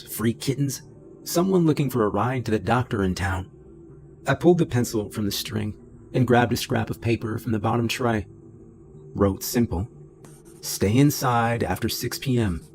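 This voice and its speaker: A middle-aged man narrating a first-person horror story in a low, steady, deliberate way. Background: faint music.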